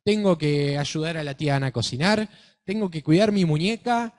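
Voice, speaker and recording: A man's voice: fairly high pitch, moderate pace, darkish tone, long reverb tail, close to an everyday voice. A man with an Argentine accent voicing a stubborn, frightened little girl who pleads not to go to school. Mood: pleading. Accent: Argentine Spanish. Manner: pleading, whiny childlike protest.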